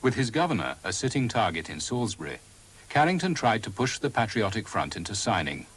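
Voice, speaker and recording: A man giving measured, scripted documentary narration in a grave tone. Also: lowish voice, sing-song, fairly bright tone, slightly rough. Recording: noisy 1980s broadcast audio.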